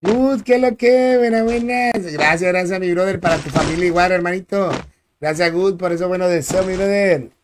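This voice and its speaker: Male gaming streamer, high voice, slangy and casual, shout-outs to viewers, noisy recording. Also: steady tone, normal speed. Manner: chatty, greets viewers by name, slangy. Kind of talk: casual live-stream chat while gaming. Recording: clear background noise with clicks.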